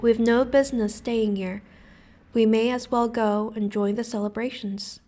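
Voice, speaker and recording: A woman voicing a calm old male wizard headmaster who speaks gently and in a measured way. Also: a little high, lightly acted.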